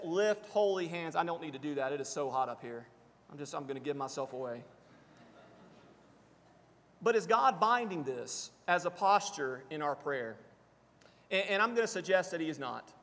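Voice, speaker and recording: Man, preacher, high-pitched voice, measured teaching sermon, slow quoted verses, echoing church hall. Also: animated, a bit bright. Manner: explanatory, measured teaching delivery with slowed quotations. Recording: long reverb of a church hall.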